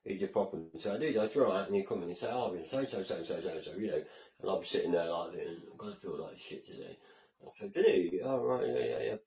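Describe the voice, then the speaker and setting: Low-voiced English man telling stories. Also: fast talker, darkish tone, dull audio. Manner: chatty storyteller, lots of reported speech. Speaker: podcast co-host. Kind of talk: casual chat.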